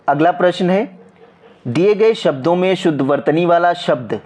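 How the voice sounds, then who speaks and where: Slow, deliberate male Hindi tutor. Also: fairly high pitch, darkish tone. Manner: slow, repetitive explaining, with frequent check-ins to the viewers. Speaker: exam coaching teacher. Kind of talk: explaining exam practice questions.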